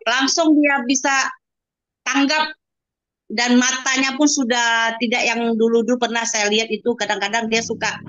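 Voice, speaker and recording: A woman's voice: a little high, level tone, moderate pace, fairly bright tone, no room sound. A mother telling an interviewer about her child in an earnest testimonial, often calling him "sir" and exclaiming thanks to God. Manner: addresses the listener as "Pak" constantly, with pious exclamations. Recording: dull, lo-fi dry recording.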